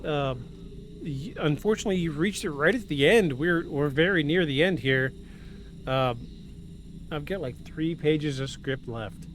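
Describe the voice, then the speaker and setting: Unhurried and on the high side, a man running a live podcast from home alternates between scripted narration and casual remarks, effusively repeating himself to stress points. Music plays, and there's a little hiss or hum.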